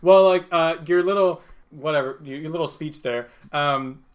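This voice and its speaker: A man improvising narration as a tabletop game master in an informal, halting, filler-heavy way. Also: a little high, clean tone.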